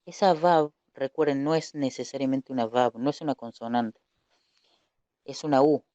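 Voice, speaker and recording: A man's voice: mid-range voice, fairly even intonation, dark tone, no room sound. Patient man teaching Hebrew vowels. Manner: patient, repeats points slowly with fillers and self-corrections. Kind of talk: recorded video lesson. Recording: dull lo-fi dry recording.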